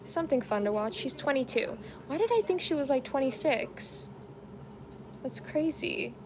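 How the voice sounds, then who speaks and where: A woman of about thirty hosts a crochet livestream from home, chatting casually while she works and reads out comments. Her voice is high and expressive at a normal pace, and she rambles and laughs easily over a noisy background.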